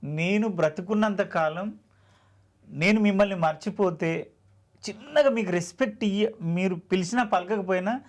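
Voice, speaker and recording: A man's voice: high voice, normal speed. A man, an actor telling his story earnestly and emotionally in an interview, often acting out dialogue.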